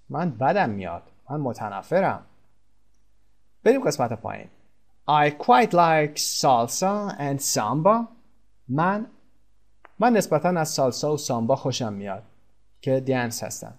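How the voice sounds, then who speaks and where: Man teaching English, slow spoken examples. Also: mid-range voice, a little mellow. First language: Persian. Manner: explains step by step, switches to slow drawn-out English examples. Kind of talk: recorded language lesson.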